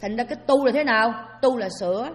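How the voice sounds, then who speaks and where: In a long, reverberant hall, a woman with a slightly high voice speaks fast through a Buddhist Dharma sermon, regularly putting rhetorical questions to those listening.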